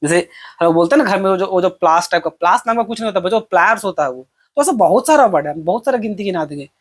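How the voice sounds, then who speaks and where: A man's voice: high-pitched, lively intonation, very fast. A young man teaching an exam-prep lecture in a conversational way, often asking questions and then answering them himself. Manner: conversational, asks and answers his own questions.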